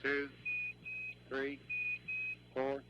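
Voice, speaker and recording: A man's voice: mid-range voice, monotone, drawn-out words, highs cut off. Man on very noisy radio, clipped check calls. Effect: radio transmission. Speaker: communications controller. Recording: very noisy, beeping radio loop.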